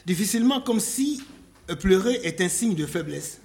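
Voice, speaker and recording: A man preaching a sermon, slow and emphatic, reading scripture aloud and asking rhetorical questions. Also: high voice, expressive, a little mellow.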